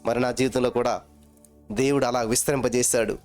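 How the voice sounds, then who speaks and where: A pastor preaching with a Telugu accent, chanting repeated phrases and swinging between loud and low delivery. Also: male voice, steady tone, a little fast, faint music behind. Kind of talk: sermon.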